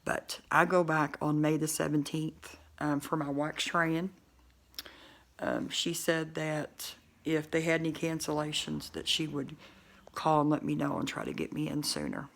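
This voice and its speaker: Woman, gravelly voice, talks thick through a bulky denture, loose and rambling. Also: low-pitched, a little slow. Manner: rambling, many fillers and restarts. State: speech muffled by a bulky denture. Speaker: vlogger. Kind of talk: casual talk to camera.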